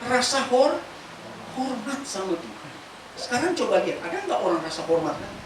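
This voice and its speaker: A woman pastor preaching a sermon, lively and chatty, asking the congregation questions as she teaches. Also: medium pitch, moderate pace, noisy background. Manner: casual spoken Indonesian mixed with scripture teaching. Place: large church hall. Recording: very echoey church hall from far off.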